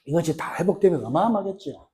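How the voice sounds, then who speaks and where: A male pastor preaching a sermon in an animated way, firing rhetorical questions at the congregation. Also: fairly high pitch, fast, husky.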